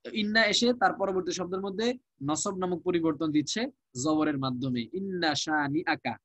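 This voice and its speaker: A man with a Bangladeshi Bengali accent teaching a live online Quranic Arabic class, explaining slowly and repeating each word with its translation. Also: high voice, animated, fairly bright tone, no echo.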